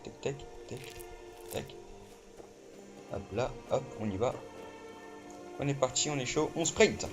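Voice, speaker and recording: An excitable man talking through his game session in loose let's play commentary, swearing often and stumbling over fillers. His voice sits in an ordinary middle pitch, with game music running clearly underneath. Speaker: gamer.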